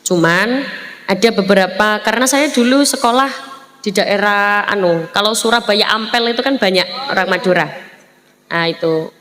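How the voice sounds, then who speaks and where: A woman's voice: medium pitch, normal speed, a bit bright. A woman from Java with a Javanese accent, preaching a humorous sermon and joking with her audience. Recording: echoey hall with faint noise.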